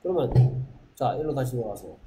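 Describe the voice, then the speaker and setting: A man teaching an English class, drilling pronunciation and quizzing students with quick rhetorical questions. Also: medium pitch, expressive, mellow. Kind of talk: classroom lecture. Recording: echoey classroom, faint noise.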